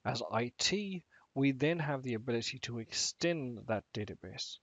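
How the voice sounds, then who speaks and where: A man giving a technical training lecture on IT management, speaking in a measured way and slowing down to stress key words. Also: mid-range voice, fairly bright tone, no room sound.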